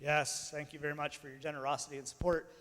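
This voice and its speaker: A man's voice: on the high side, little pitch movement, fast, a bit bright. A man in his thirties makes informal church announcements with joking, teasing banter. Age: 30s. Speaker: church speaker hosting announcements. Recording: echoey hall with long reverb.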